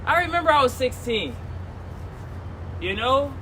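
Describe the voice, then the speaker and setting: Young man in his twenties, high voice, casual rambling vlog, repeats himself, phone recording outdoors, clear traffic noise. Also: sing-song, a little slow, pushed and bright. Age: 20s. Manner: rambling, repeats phrases, colloquial. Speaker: streamer. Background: cars and city noise.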